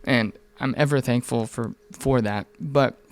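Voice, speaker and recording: Unhurried and medium in pitch, this man in his mid twenties chats on a podcast in a loose, rambling, sincere way. He speaks candidly and informally, with some swearing mixed in.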